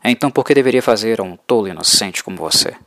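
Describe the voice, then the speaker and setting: A pale, ageless vampire, voiced by a man, speaks in a deep, slow, soft register full of quiet scorn. The delivery is dry and close, unhurried and untroubled by anger. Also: lively intonation, no echo. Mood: cold, mocking.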